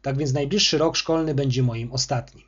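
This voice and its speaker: A man's voice: mid-range voice, normal speed, fairly bright tone, husky, muffled recording. A man voicing a polite, restrained older headmaster in his sixties who defends himself. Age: 60s. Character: older male school headmaster, calm but offended.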